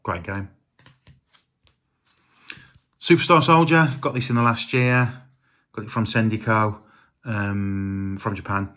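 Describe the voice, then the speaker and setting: Rambling man, slightly low voice. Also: unhurried. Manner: relaxed, rambling, many ums and uhs. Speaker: retro game collector. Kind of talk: casual collection vlog.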